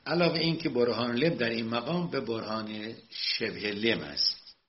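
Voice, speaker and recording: A male cleric giving a religious lecture, moving between quiet storytelling and loud, emphatic preaching. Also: medium pitch. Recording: dull lo-fi recording.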